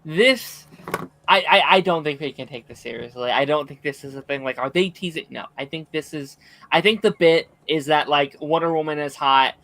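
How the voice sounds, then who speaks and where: A man co-hosting a casual chat, voicing frank opinions with halting restarts. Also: fairly high pitch, pushed and bright, low-quality recording. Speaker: co-host.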